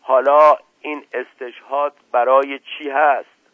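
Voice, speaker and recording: Man doing a slow, commanding old patriarch. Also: mid-range voice, flat delivery, dry recording, pitched above the performer's own voice, natural voice. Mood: stern. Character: proud, ailing older family patriarch. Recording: tinny dry radio recording.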